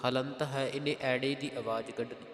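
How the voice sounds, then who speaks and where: A man with a Punjabi accent teaching how to pronounce scripture. He chants each verse slowly, then explains its spelling step by step. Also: medium pitch, steady tone, a bit bright. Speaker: Gurbani recitation teacher. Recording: roomy echo with long reverb.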